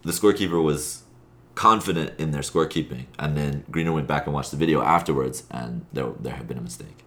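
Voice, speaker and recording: A man with a very low voice chats loosely about his league. He rambles and restarts his sentences, then speeds up when something excites him. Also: brisk. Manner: rambling, self-correcting, with sudden bursts of excitement. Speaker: podcast host, league player. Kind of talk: casual chat.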